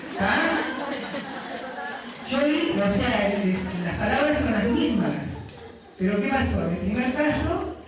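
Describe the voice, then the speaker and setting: A man giving a university lecture, explaining step by step and often checking in with his students. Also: sits high. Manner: explanatory, keeps checking in with the class. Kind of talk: classroom lecture. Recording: very echoey room, distant mic.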